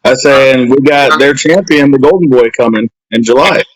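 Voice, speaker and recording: A man co-hosting a podcast, asking quick, curious follow-up questions over a webcam video call. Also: mid-range voice, a little hiss or hum, poor audio. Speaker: podcast host. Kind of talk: casual interview.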